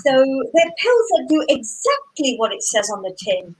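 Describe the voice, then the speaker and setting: A woman's voice: sits high, huge pitch swings, moderate pace, darkish tone, breathy edge, rough recording. A woman from Zambia doing a stand-up comedy set, with punchy delivery and playful self-mocking asides.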